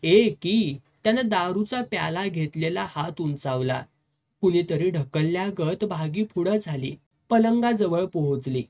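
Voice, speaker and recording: Steady storybook narrator. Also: mid-range voice, a little slow. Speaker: audiobook narrator. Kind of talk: scripted narration of a serialized novel.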